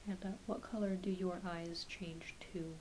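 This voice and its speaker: A woman plays a gentle, reassuring doctor in a soft-spoken ASMR medical exam roleplay, her lowish natural voice moving at a moderate pace. Calm and apologetic, she speaks hesitantly and often half-whispers, with a faint steady hiss behind her close voice.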